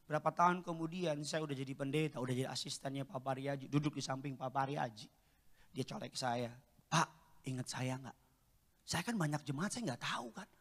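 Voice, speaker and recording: A pastor preaching a live church service, moving between loud exhortation and quiet joking asides. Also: male voice, a little high. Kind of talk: sermon. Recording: long church-hall reverb.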